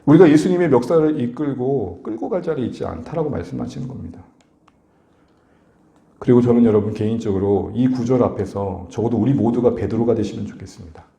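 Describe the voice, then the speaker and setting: A male pastor preaching a sermon, asking the congregation questions and building to animated emphasis. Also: mid-range voice, a little fast, creaky, roomy sound. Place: church sanctuary.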